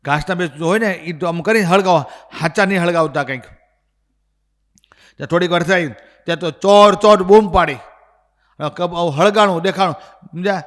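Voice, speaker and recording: A man's voice: high voice, fairly quick, long pauses. A man with a Gujarati accent, telling religious stories as a sermon and acting out the dialogue with energy. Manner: animated storyteller acting out dialogue. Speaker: swami giving a religious discourse. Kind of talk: storytelling sermon. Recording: long hall reverb.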